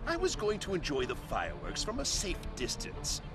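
The Joker, wildly swooping clown villain. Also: male voice, sits high, wildly swooping pitch, moderate pace, over music, full character voice. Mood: taunting. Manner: theatrical, mocking, swooping delivery. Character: flamboyant, theatrical, gleefully murderous clown villain. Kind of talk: video game cutscene acting.

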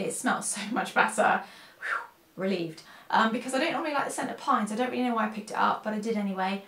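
A woman's voice: mid-range voice, fairly bright tone. A tired woman chatting casually through a cleaning product haul, rambling and correcting herself as she talks at home. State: tired, unwell. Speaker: cleaning vlogger. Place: room at home with a dresser. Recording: echoey home room.

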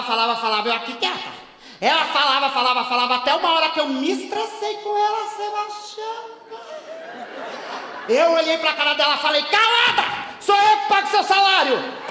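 A man playing a brash, fed-up woman, told in a stand-up comedy monologue, who gossips and rants in a high, bright, piercing voice with sudden shouted bursts. The sound is echoey, caught from far off in a long hall reverb. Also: expressive, a little fast, full character voice. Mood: indignant. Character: brash indignant woman caring for her hospitalized father. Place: theater stage at a live show.

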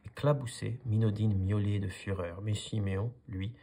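A man calmly reading a children's story aloud in a soothing manner. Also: fairly low pitch, normal speed, slightly rough. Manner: calm, soothing. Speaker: storybook reader. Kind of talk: calm read-aloud story.

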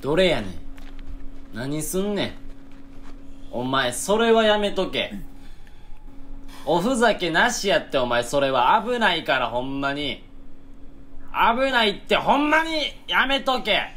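A young man in his twenties with a Kansai accent, delivering comic voice-over commentary as the straight man. He fires off sharp, exasperated retorts. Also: on the high side, very animated, a little slow, pauses often. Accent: Kansai Japanese. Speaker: comedian.

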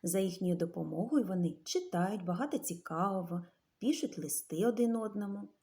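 A woman teacher giving a literacy lesson to young children, sounding out words slowly syllable by syllable. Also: mid-range voice, expressive, warm tone.

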